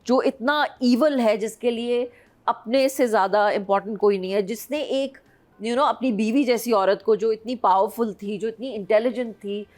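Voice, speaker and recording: A woman's voice: on the high side, moderate pace, darkish tone. A woman in her fifties, reviewing a drama on a panel in an emphatic, heartfelt way. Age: 50s. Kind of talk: casual chat reviewing a drama.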